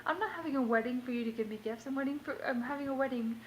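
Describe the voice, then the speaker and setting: A woman's voice: sits high, racing. Chatty young woman rambling at home. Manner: rambling, chatty, many fillers. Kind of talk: casual vlog monologue. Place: home kitchen. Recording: noisy home recording.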